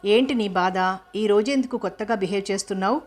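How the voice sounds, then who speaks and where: A woman voicing a caring young female friend who asks gentle, probing questions. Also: mid-range voice, a little fast, lightly acted. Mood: concerned.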